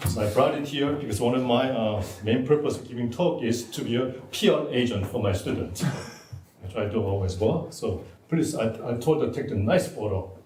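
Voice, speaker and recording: A man's voice: mid-range voice, darkish tone. A man, a native Korean speaker, giving an informal academic seminar talk, chatty and repeating words as he writes on the board. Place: seminar room. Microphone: distant room mic. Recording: echoey room, far mic.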